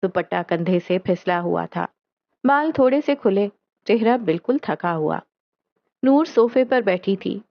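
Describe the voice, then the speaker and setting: A woman reading a novel aloud as an audiobook narrator, in slow, measured scripted narration with quoted dialogue. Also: mid-range voice, lively intonation, no echo, dull audio.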